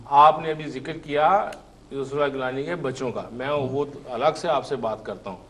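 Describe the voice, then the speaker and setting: A man's voice: medium pitch, slight background noise. A man from Pakistan, a politician guest in a heated television debate, insisting and repeating himself to hold the floor.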